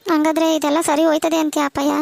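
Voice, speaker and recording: A woman's voice: high-pitched, little pitch movement, racing, gravelly, a little mellow, no room sound. A woman voicing a tearful, anxious teenage village daughter in a cartoon, pleading and asking worried questions while crying. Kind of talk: cartoon voice acting.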